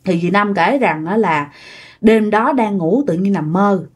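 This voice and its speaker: A woman's voice: medium pitch, measured pace, slightly rough. A woman telling a ghost story in a casual, chatty way, talking straight to her listeners.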